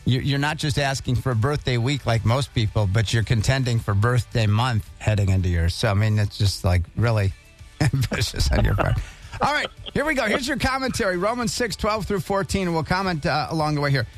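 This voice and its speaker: A man's voice: medium pitch, animated, a little fast, faint music behind. A male radio host in chatty, joking conversation, reading passages aloud and breaking in with asides. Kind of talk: casual radio chat.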